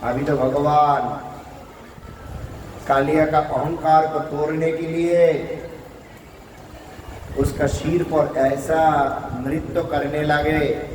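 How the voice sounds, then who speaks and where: A male monk preacher telling a devotional story slowly, repeating points and questioning his listeners. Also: a little high, background noise. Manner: slow, repetitive, questioning the audience. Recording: echoey hall from far off.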